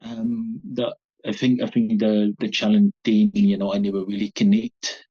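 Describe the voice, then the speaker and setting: A man talks haltingly, often restarting as he searches for words. His voice sits low and sounds husky. The recording is dull and muffled. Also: flat delivery, mellow. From Samoa. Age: 40s. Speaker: guest, abuse survivor. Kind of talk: personal interview.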